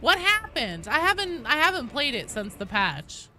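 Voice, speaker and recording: The recording is rough, with a little hiss or hum, as a woman livestreams a game. Her high, very animated voice is pushed and bright at a moderate pace while she reads viewer comments, replies casually, swears freely and reacts playfully.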